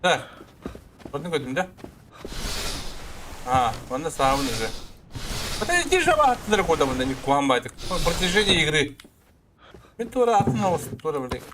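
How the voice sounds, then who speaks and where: A man's voice: a little high, big pitch swings, normal speed, long pauses, noisy background. A man doing casual horror let's-play commentary, nervous and jumpy, muttering and swearing to himself as he reacts to the game.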